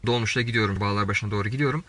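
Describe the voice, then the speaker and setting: Fast-talking, bright-voiced man. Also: fairly low pitch. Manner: quick, chatty storyteller. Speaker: co-host. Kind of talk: casual banter.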